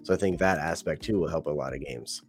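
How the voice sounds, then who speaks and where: A man co-hosting a livestream, giving quick, upbeat opinions in casual chat. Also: extremely low pitch, faint music behind. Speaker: livestream co-host.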